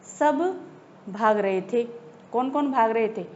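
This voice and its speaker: A woman's voice: a little high, slow, darkish tone, dull audio, slight background noise. A woman teacher telling a story lesson to children, who quizzes the pupils and repeats the key points.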